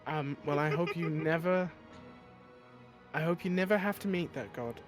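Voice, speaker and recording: Man playing his character, earnest, a bit formal, somewhat high voice, faint music. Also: a little fast. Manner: earnest, slightly formal speech. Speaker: player. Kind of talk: in-character tabletop role-play.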